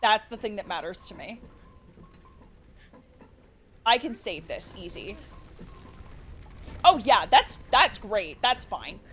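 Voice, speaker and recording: A woman speedrunner giving live commentary on her game, cooing baby talk to the creature and bursting out loud when things go well or wrong. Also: medium pitch, slow pace, pauses often, soft background music. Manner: excitable, with sudden loud outbursts. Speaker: speedrunner streamer.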